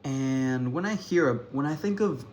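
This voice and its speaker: Young male vlogger, mid-pitched, chatty and self-deprecating, talking to camera with frequent restarts. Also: expressive, measured pace, slight background noise. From Ecuador. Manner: rambling, self-deprecating, many restarts and fillers. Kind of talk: casual to-camera monologue.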